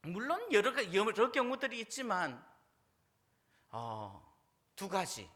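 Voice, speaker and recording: A man's voice: high-pitched, huge pitch swings, slow pace, pushed and bright. A male pastor preaching a sermon in a church, asking the congregation questions and acting out prayers with rising force. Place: church sanctuary.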